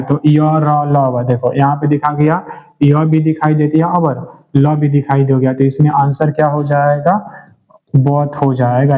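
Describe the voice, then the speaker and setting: A male teacher going through exam questions one by one, asking each question aloud and then answering it himself. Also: fairly high pitch. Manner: keeps asking and answering his own questions. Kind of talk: exam-prep lecture. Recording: dull lo-fi sound.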